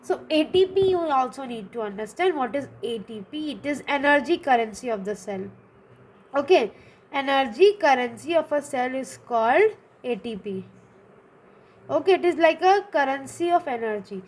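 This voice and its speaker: A woman with a high, light voice and an Indian English accent teaches a biology lesson, walking through each term patiently. She repeats important words and keeps asking "okay?" to check the listener follows. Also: expressive, moderate pace. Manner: explains step by step, repeats key terms, checks in with "okay?".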